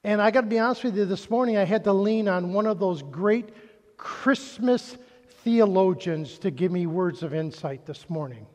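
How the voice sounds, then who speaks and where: A pastor giving a sermon in a chatty way, joking with the congregation in church. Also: male voice, high-pitched, normal speed, a little mellow, big-room sound.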